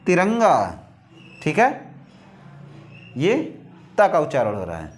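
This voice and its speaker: Male teacher, lively rising and falling voice, drills pronunciation by repetition. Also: mid-range voice. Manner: slow, repetitive, asks questions and answers them. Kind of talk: English pronunciation lesson.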